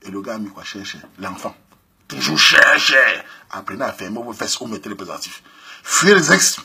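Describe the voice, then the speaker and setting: Husky, lively Cameroonian French man. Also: moderate pace. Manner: lively, slangy, laughs often, swings from shouting to low asides. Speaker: host. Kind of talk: animated advice commentary on a listener's letter.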